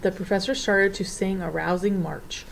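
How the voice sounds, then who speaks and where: A woman narrating a children's storybook in an expressive, theatrical way. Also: medium pitch, normal speed, gravelly, a little hiss or hum, rough recording. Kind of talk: storybook reading.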